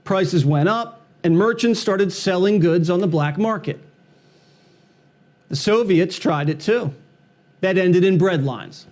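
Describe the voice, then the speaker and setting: Sarcastic high-voiced man in political monologue. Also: slow, pauses often, a little mellow. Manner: sarcastic, mocking, punchy. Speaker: television political commentator. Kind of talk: scripted satirical monologue.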